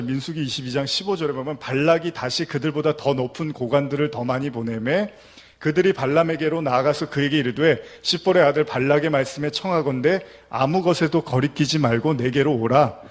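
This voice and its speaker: A man's voice: a little high, normal speed. A man preaching a sermon as pastor, retelling a scripture story and reading passages aloud. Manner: storytelling, reads scripture aloud and acts out quotes.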